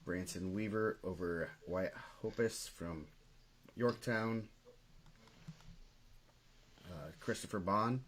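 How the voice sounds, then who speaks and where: Man, low voice, casual podcast co-host, reads off match results, faint background hiss. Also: slow pace, pauses often. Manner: reads results in a steady, list-like way. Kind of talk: casual sports chat.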